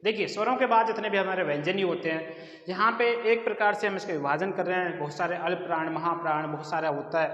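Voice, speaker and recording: A man's voice: high voice, quick pace, fairly bright tone. A man teaching a Hindi grammar lesson who explains patiently and repeats key terms. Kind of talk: classroom lesson. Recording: echoey hall, dull lo-fi sound.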